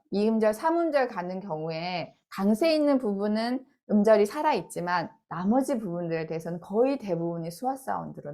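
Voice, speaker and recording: Teaching phonics, a middle-aged woman speaks casually at a medium pitch. She takes her explanations slowly and voices each sound repeatedly to demonstrate it.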